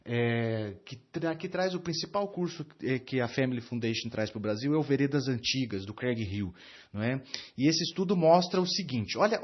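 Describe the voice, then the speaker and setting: Brazilian Portuguese man, sermon, animated pitch, dull recording, lots of fillers. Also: husky. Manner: teaching with many fillers and tag questions. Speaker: preacher.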